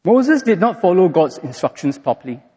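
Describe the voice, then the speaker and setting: A man preaching a sermon, reading scripture aloud and telling the story in an animated way, recorded in a dull, echoey hall. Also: high-pitched, moderate pace, slightly rough. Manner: animated storytelling, acts out quotes.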